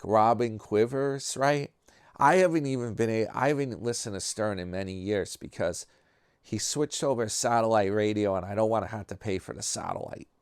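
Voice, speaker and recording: Slow, rambling New York man. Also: mid-range voice, dry recording, clean studio sound. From New York area. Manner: rambling, loose, with many fillers and restarts. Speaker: commentary vlogger. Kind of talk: casual rambling commentary.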